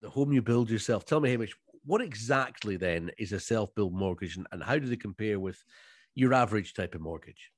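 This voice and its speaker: Scottish highland guy hosting a podcast, bit low voice, jokey and wordy, really dry recording. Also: expressive, a little fast, dry recording. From Inverness, Scottish Highlands. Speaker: podcast host. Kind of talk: chatty podcast presenting.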